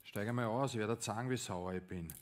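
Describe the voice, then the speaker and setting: A man voicing a vengeful male traffic cop with an Austrian accent, speaking in a low, grim, threatening mutter. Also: quick pace, lightly acted. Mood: menacing.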